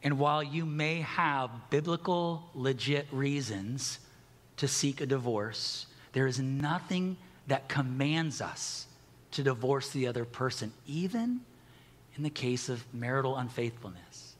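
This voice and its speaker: A man's voice: medium pitch, measured pace. Candid preaching man in a reverberant hall. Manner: candid, conversational preaching with self-deprecating humor. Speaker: pastor. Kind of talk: sermon.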